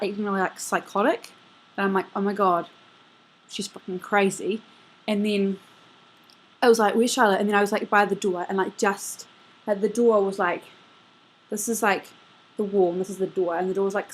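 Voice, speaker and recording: A woman's voice: mid-range voice, low-quality recording. A young woman in a casual video message, rambling through a dream story with lots of "like" and fillers. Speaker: vlogger.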